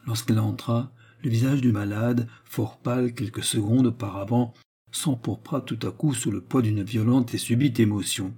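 A man narrating an audiobook in a measured, expressive way. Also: medium pitch, slightly rough.

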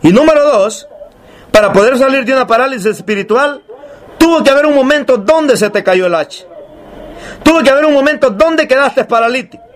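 A man preaching a sermon, emphatic and repetitive, asking rhetorical questions and slowing down to read scripture aloud. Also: extremely high pitch, lively intonation.

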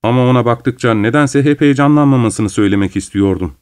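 A man narrating an audiobook in a calm, measured reading style. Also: mid-range voice. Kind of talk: scripted narration.

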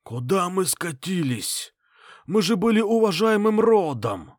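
A man voicing a frail old clan patriarch with a hoarse, rattling voice who shouts in protest. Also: high voice, sing-song, measured pace, no echo, clean studio sound, pitched above the performer's own voice, heavily acted. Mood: bitter. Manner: shouting, pleading.

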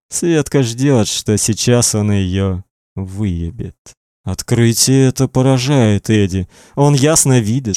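A man reads a novel aloud in a tense, dramatic way, his voice of middle pitch. The recording is dry and close, with no room sound. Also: mellow, no echo. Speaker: narrator. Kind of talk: audiobook narration.

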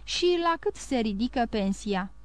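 A calm, ironic nobleman from an audiobook, asking dry and probing questions as a woman reader voices him. The voice sits fairly high and sounds smooth and clear. There is no room echo at all. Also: lightly acted.

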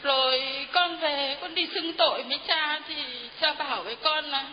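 A woman's voice: sits high, moderate pace, a little hiss or hum. A middle-aged woman giving an earnest, deferential testimony to a priest in a church hall. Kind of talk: heartfelt spoken testimony. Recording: dull reverberant hall recording.

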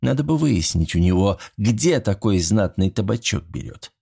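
Man narrating an audiobook, even. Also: fairly low pitch, moderate pace, vocal fry, slightly rough.

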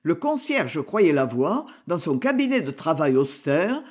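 A reader narrating a detective novel in a measured, expressive way. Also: mid-range voice, husky.

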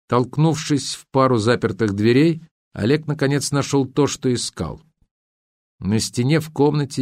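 A man's voice: on the low side, a little mellow, dry recording, clean studio sound. A man narrating an audiobook in a dramatic reading style, acting out the dialogue. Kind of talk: scripted narration.

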